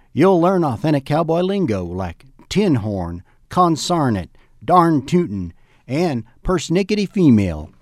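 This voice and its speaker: Man, mock cowboy ad pitch, high voice, swooping delivery, dry close sound. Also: no echo. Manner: folksy exaggerated cowboy talk. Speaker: comedy ad pitchman. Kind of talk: mock commercial, over-the-top cowboy drawl.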